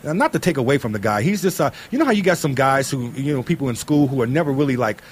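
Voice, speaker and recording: Animated male talk radio host. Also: fast talker, a little hiss or hum. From Chicago. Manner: animated, jokey, swoops his pitch up and down. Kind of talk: casual talk radio chat.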